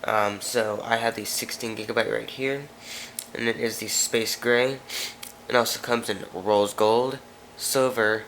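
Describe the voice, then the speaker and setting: In this low-quality clip with slight hiss or hum, a stuffy-nosed man walks through a phone's specs off camera for a casual tech video. He sounds chatty, his medium-pitched voice fairly bright, and he often stops to correct himself.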